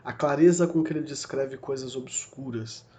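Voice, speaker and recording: A mellow, dark-voiced man with a Brazilian Portuguese accent lectures on literature for a recorded course. He talks in a reflective, searching way at a middling pitch, pausing on fillers and correcting himself as he goes. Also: slight background noise. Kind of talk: recorded university lecture podcast.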